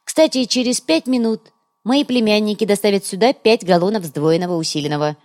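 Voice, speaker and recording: A woman's voice: mid-range voice, a little fast, darkish tone, lightly acted. A woman voicing a sly, greedy male trader who talks in an ingratiating, chatty way for an audiobook.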